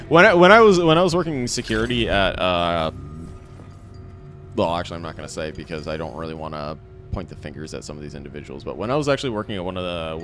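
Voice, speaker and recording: Male streamer, animated and chatty, highish voice with a very lively pitch, light music under him. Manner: animated, laughs often, talks to chat viewers. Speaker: streamer playing a game. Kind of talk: casual live-stream chat.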